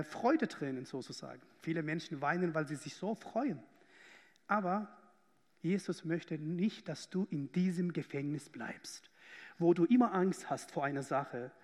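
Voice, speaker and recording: A man from Iran delivers a sermon with a fairly high voice. He preaches earnestly and conversationally, pausing and restarting now and then. The sound carries a long reverb from a church hall. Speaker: pastor.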